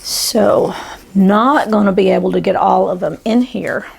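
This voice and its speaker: A woman's voice: medium pitch, a little slow, gravelly, darkish tone, husky, poor audio. A woman hosting a casual gardening how-to in a folksy way, her voice a little under the weather from a sore throat. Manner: folksy, dropped endings like "gonna" and "'em". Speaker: host of a gardening channel. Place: greenhouse.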